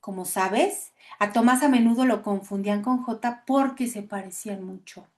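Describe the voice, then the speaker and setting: A woman reading the lines of a calm spiritual teacher, measured and explanatory. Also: medium pitch, lightly acted.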